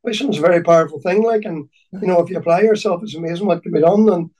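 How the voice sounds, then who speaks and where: A man with a Donegal Irish accent reminiscing in conversation, haltingly and often repeating his words. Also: high voice, dark tone, recorded from a distance, rough recording. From County Donegal, Ireland.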